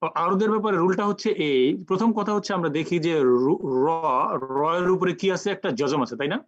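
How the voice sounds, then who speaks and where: A man teaching Quran recitation rules in an online lecture, explaining patiently step by step and repeating sounds slowly for practice. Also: high-pitched, no echo, highs cut off.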